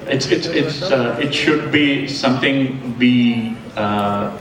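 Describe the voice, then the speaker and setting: A man with a Karnataka Indian accent answering quick questions at a live event in a hesitant, thoughtful way. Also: medium pitch. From coastal Karnataka and Bengaluru, India. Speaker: panelist. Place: event hall with an audience. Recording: roomy, distant mic, crowd behind.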